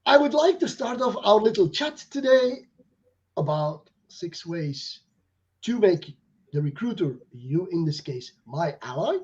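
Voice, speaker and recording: A man's voice: high-pitched, very animated, a little slow, highs cut off. A man hosting a live online chat, talking casually with frequent fillers and restarts. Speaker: host.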